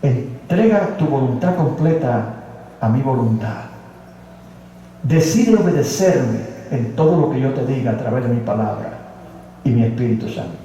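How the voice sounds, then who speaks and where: A man voicing God as a patient, fatherly figure who speaks gently, recorded from a distance in an echoey hall. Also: mid-range voice, lively intonation, normal speed, dull audio, slight background noise, lightly acted. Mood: gentle, fatherly. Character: calm fatherly voice of God, male.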